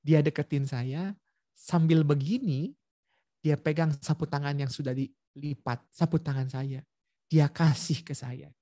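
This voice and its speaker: A man's voice: on the high side, unhurried, no echo. A male preacher tells a personal story at an online prayer meeting, acting out the back-and-forth between people. He often speaks straight to his listeners. His voice sounds close and dry, with no room sound. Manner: lively storytelling, acting out dialogue; addresses listeners directly. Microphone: video call.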